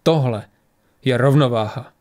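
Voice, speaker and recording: A man reading a calm, menacing warrior woman. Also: mid-range voice, natural voice. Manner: quiet, slow, cold menace.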